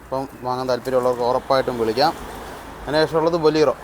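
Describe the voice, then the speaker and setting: A man's voice: medium pitch, fairly even intonation, fast, a little hiss or hum. A man with a Kerala accent hosting a casual car vlog, echoing key points and mixing English words into Malayalam. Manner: repeats the other speaker's key points. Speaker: vlog host.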